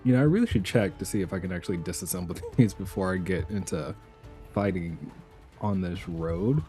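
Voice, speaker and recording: A man giving relaxed, chatty live commentary while streaming a survival game, laughing often. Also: sits low, a little fast, faint music behind.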